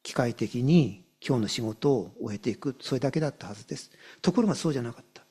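A man preaching a sermon as a pastor, reading scripture aloud and stressing key phrases by repeating them and slowing down for weight. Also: mid-range voice, animated, warm tone, slightly rough.

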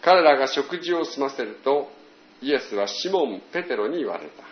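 A man preaching a sermon as pastor, telling stories with animated voiced quotes. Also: medium pitch, moderate pace, roomy sound, dull audio.

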